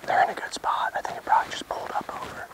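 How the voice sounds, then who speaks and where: A man whispering hushed commentary outdoors while stalking wildlife, as if careful not to be heard by the animals. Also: rapid-fire, rough recording. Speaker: bowhunter filming his hunt. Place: outdoors in open hilly country.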